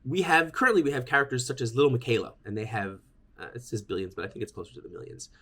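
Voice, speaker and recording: A man's voice: mid-range voice, rapid-fire, sharp tone. A man giving a conference keynote in an informal, meandering way, often restarting his sentences. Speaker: keynote speaker.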